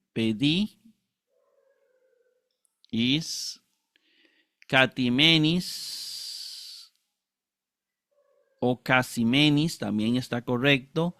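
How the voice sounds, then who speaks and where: In a dry, clean studio recording, a man with a mid-range, fairly bright voice teaches Greek Bible exegesis from ancient manuscripts. He reads slowly and deliberately, carefully spelling out Greek words syllable by syllable, often clearing his throat and using tag questions to ask for agreement.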